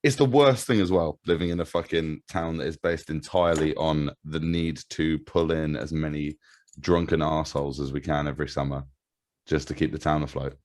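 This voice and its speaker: A man from England, a comedian guest in a casual chat, talking in an animated, sweary, rambling way. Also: rumbling low, normal speed.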